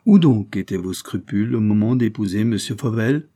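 A man's voice: lowish voice, expressive, normal speed. A man reading an audiobook, voicing a scheming, coldly polite marquis who sneers and presses his threats. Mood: menacing. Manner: sneering, insistent, rising to forceful outbursts.

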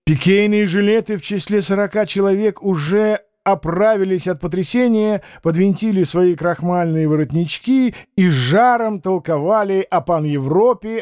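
Expressive male audiobook narrator, dry sound. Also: sits high, no echo. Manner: expressive, voices the characters.

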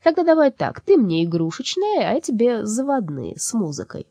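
A pushy, haggling old hag of a soul, greedy and boastful, put on by a woman reading a storybook. She talks high and loud above the narration, in a close, dry recording with a husky, mellow tone. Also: wildly swooping pitch, moderate pace, no echo, full character voice. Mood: coaxing. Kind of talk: storybook character voice.

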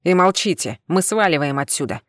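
A woman doing a gruff alien man. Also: deep voice, lively intonation, a little fast, dry recording, clean studio sound. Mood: brusque commanding. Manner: growling, curt commands. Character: gruff tailed alien man, brusque rescuer. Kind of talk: audiobook character voice.

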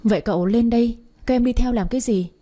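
A woman's voice: on the high side, quick pace, warm tone, natural voice. A woman voicing a curt young master. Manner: cold, clipped commands.

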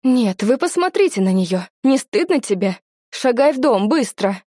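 A woman's voice: a little high, moderate pace, dark tone, no echo, clean studio sound, lightly acted. A woman voicing a strict middle-aged mother who scolds sharply. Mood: scolding.

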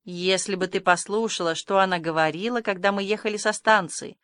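A woman reading an audiobook and voicing a shy, gentle older male farmer who speaks in a hesitant, soft, mumbling way. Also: medium pitch, steady tone, brisk, clean tone, no room sound, close to an everyday voice.

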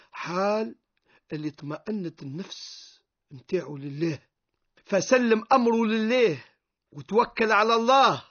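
A man's voice: high voice, a bit bright. A man with a Tunisian accent, a sheikh giving a radio lecture on the Quran who poses rhetorical questions and answers them himself. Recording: dull lo-fi radio recording.

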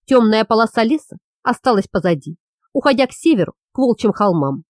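A woman reading a fantasy novel aloud as an audiobook narrator, in an expressive, measured way. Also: a little high, dry recording, clean studio sound.

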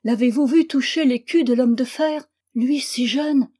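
A woman's voice: high-pitched, a little slow, warm tone, breathy edge, pitched above the performer's own voice. A woman reading the part of a grief-stricken noble mother who sobs and pleads for her lost son in an audiobook. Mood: desperate pleading. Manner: sobbing, pleading, rising to desperate cries.

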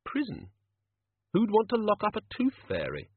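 A man voicing a brisk, impatient young woman with a sharp, practical manner. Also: wildly swooping pitch, husky, no room sound, exaggerated voice. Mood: puzzled. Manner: sharp, impatient, lifted high. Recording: tinny phone-like sound.

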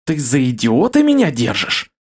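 A man's voice: medium pitch, wildly swooping pitch, normal speed, slightly rough, exaggerated voice. A man voicing a hot-tempered, jealous, mustached middle-aged baron who roars and threatens in an audiobook. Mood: growling. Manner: roaring, blustering, threatening.

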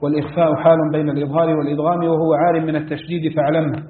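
A man reading a classical text aloud for his teacher, in a steady, even recital. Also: on the high side, racing, a little hiss or hum. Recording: tinny phone-like audio, echoey hall.

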